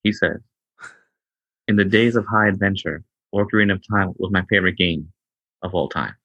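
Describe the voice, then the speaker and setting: A man's voice: sits low, moderate pace, no echo, highs cut off. A man co-hosting a podcast in casual chat, laid-back and stumbling over his words. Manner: laid-back, stammering restarts, says bro. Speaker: podcast co-host.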